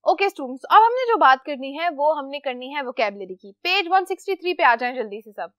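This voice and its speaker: A woman's voice: sits high, animated, a little fast, fairly bright tone, no echo, highs cut off. A woman teacher, explaining a lesson to children patiently, asking questions and answering them herself. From Pakistan.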